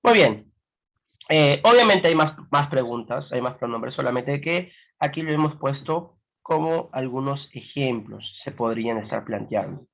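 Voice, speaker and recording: A man teaching a grammar lesson, explaining slowly and checking in with frequent rhetorical questions. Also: medium pitch, animated, gravelly, fairly bright tone, poor audio. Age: adult with a grown son.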